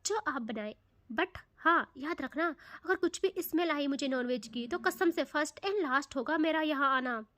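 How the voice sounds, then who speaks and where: A woman's voice: high voice, expressive, normal speed, fairly bright tone. A woman voicing a pampered, proud young woman who talks in a pouty, indignant way.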